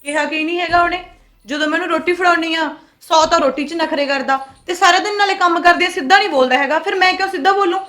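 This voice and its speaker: A young woman playing a sharp-tongued, quarrelsome young wife in a family short film, firing back fast retorts. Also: very high-pitched. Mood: complaining.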